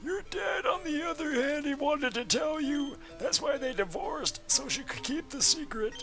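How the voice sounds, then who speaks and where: A doddering old professor with loose dentures, his voice pushed up very high and thin. He rambles on in a quavering, long-winded way, with faint game music underneath. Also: lively intonation, normal speed, a bit bright, full character voice. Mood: storytelling. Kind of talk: game character voicing.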